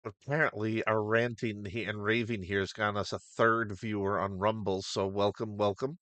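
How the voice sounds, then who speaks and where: A young man hosting a casual gaming livestream, rambling and commenting on his own fast talking. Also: fairly low pitch, level tone, fairly bright tone, no room sound. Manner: rambling, self-aware about talking fast. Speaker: streamer host.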